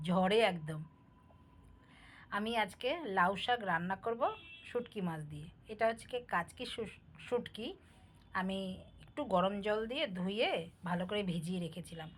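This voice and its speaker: A woman's voice: mid-range voice, fairly bright tone. Chatty woman narrating her home cooking. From Bangal family, East Bengal roots. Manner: homely, talks directly to viewers, asks for comments. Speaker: cooking vlogger.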